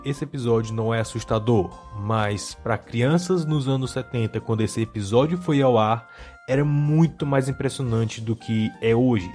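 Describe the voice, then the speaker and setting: A man with a Brazilian accent speaks in a mid-range voice over soft background music. He delivers casual video-essay commentary and wanders into wry, joking asides. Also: medium pitch.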